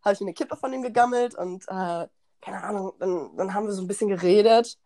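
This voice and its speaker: A young woman hosting a podcast, telling a party story in slangy, animated casual chat and acting out what people said. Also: medium pitch, brisk. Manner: animated, slangy, acts out quotes, laughs often. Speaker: podcast host.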